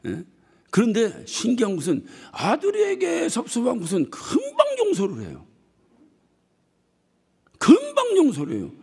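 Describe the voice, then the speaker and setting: Korean pastor guy preaching, swoops all over the place, gravelly, big church reverb. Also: high voice. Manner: animated storytelling, mimics congregants and shouts. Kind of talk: sermon. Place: church hall.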